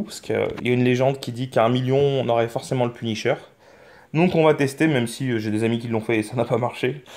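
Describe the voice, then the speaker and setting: A man's voice: medium pitch, a little mellow. Rambling French-speaking man on a game channel. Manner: rambling, hesitant, many fillers and restarts; mild swearing, frank and offhand. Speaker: mobile game channel host. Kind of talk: casual gameplay commentary.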